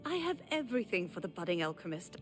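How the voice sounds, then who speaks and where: A woman's voice: lowish voice, big pitch swings, fast, music in the background. A woman voicing a welcoming alchemy shopkeeper in a fantasy video game. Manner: salesy, welcoming patter. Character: female alchemy shopkeeper greeting customers. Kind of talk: video game character acting.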